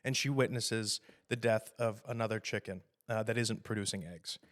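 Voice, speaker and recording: A man hosting a podcast, chatting casually about a film in a rambling, profane, animated way and laughing often. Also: lowish voice, moderate pace. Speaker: podcast host.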